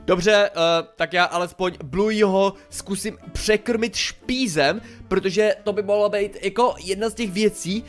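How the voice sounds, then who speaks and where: A young man chatting excitedly through a game as a YouTuber, exclaiming and mildly swearing as he plays. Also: sits high, faint music behind. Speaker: gaming YouTuber. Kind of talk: casual game commentary.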